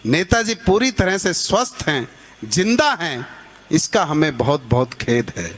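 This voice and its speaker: A man's voice: on the high side, big pitch swings, measured pace, fairly bright tone, slight background noise. A man telling a joke with a dry, storytelling delivery. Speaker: comic storyteller.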